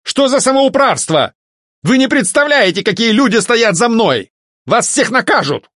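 A man reading an audiobook, voicing a pompous, panicky nobleman who yells in high yelps. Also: big pitch swings, normal speed, no echo, clean studio sound, full character voice. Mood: shrill outrage.

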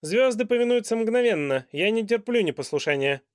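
A man's voice: animated, brisk, smooth, dry recording, clean studio sound. A man doing a pompous proud old king. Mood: commanding. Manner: commanding, loud and high-pitched.

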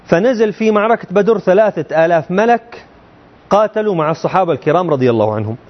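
A man with a high voice and lively intonation speaks fast while teaching students a religious text, explaining a creed. He talks colloquially and often fires rhetorical questions at them. The sound is lo-fi.

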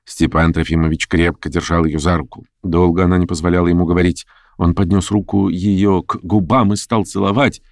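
Man, audiobook narrator, deep voice, dry sound, measured storytelling. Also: flat delivery, dry recording. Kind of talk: audiobook reading of a classic novel.

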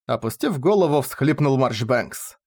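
A man narrating a story in an even audiobook storytelling manner. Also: medium pitch, moderate pace.

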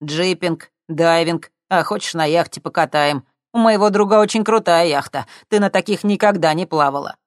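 A narrator voicing a burly, shaven-headed young male thug who talks in a rough, demanding, mocking way. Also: mid-range voice, moderate pace, few pauses, no room sound, studio quality, lightly acted. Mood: swaggering.

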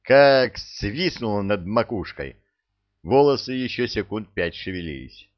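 Low-voiced man telling a wry, animated story. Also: measured pace, muffled recording. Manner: sardonic, expressive. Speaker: audiobook narrator. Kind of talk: first-person dramatic storytelling, wry and colloquial.

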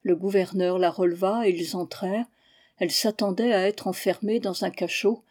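A woman narrating a history book aloud in a measured, expressive reading voice. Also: medium pitch. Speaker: audiobook reader.

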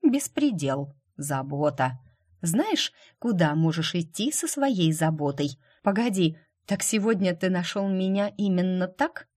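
A woman voicing a stubborn, indignant young woman healer in an audiobook, sharp and quick to protest. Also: on the low side, lively intonation.

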